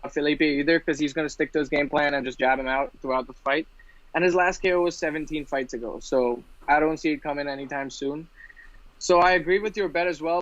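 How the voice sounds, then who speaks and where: Man from India, fairly high voice, rambling podcast co-host, restarts a lot, dull lo-fi dry sound. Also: fairly bright tone, dry recording. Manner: quick, rambling, many restarts. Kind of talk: casual betting chat.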